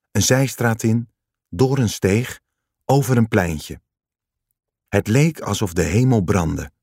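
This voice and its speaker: A man reading a story aloud in calm, measured scripted narration. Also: lowish voice, breathy edge, no echo, studio quality.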